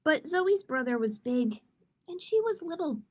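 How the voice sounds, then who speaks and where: A woman's voice: high-pitched, sing-song, unhurried. A woman hosting a library storytime, reading picture books aloud to children and explaining simply and encouragingly.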